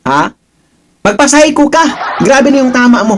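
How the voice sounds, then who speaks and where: A man with a very high, expressive voice does mocking reaction commentary as a political vlogger, speaking at a moderate pace over background noise. He laughs often and taunts with rhetorical questions, repeatedly asking "ha?".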